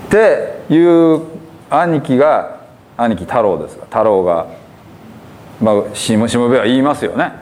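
A man's voice: medium pitch, lively intonation, moderate pace, darkish tone, a little hiss or hum. A man preaching a sermon with a Hiroshima accent, retelling a parable and acting out the characters' lines. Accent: Hiroshima dialect.

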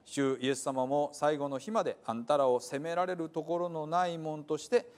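A man's voice: a little high, steady tone, moderate pace, darkish tone. A man reading scripture aloud in a Hiroshima dialect, earnest and emphatic.

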